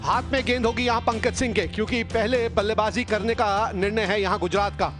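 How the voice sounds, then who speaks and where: A man's voice: high-pitched, fairly even intonation, brisk, over music. A man with an Indian accent giving conversational, reflective live cricket commentary as a broadcaster.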